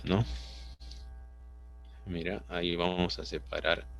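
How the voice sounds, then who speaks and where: A man's voice: low voice, creaky, fairly bright tone, slight background noise. A man with a Peruvian Spanish accent teaching an online class, explaining patiently and often checking understanding with tag questions. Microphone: computer mic on a video call. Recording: dull lo-fi video call audio.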